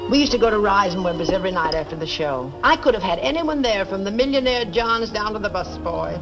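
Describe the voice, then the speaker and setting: An American actress in a 1930s film comedy playing a worldly, wisecracking friend with a wry, sardonic manner. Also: female voice, mid-range voice, lively intonation, fast talker, lightly acted. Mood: wry, rueful. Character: wisecracking, worldly, tough-hearted female rooming-house friend. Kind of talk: 1930s Hollywood comedy acting. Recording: old 1930s film soundtrack, music behind.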